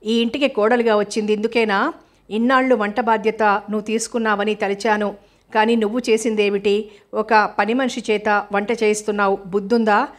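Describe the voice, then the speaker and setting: A woman's voice: medium pitch, flat delivery, moderate pace, lightly acted. Angry elderly father-in-law, stern, read by a woman narrator. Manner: stern, lecturing.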